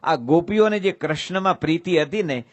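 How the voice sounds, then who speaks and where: A man's voice: fairly high pitch, animated, normal speed, no echo. Gujarati-accented male preacher, dry close sound. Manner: asks rhetorical questions, bursts into sung verses. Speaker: preacher giving a religious discourse. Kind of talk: devotional sermon with storytelling.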